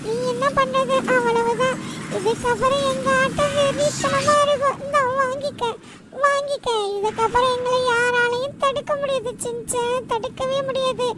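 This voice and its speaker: Brief: a boastful possessed cartoon boy, very high and squeaky, distant in loud game noise. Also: steady tone, normal speed. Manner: boastful, threatening, shouting at others. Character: small cartoon boy's body ruled by an evil power, boastful.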